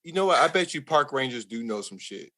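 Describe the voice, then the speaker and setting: A man's voice: medium pitch, lively intonation, brisk, bright, forceful tone. A man hosting a podcast, chatting casually with friends in a laid-back, profane way. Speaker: podcast host. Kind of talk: casual chat.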